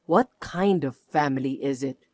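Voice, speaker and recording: A reader voicing a middle-aged protective mother who speaks low, cold and firm in a scripted audio story. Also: a little slow, darkish tone, no echo, studio quality.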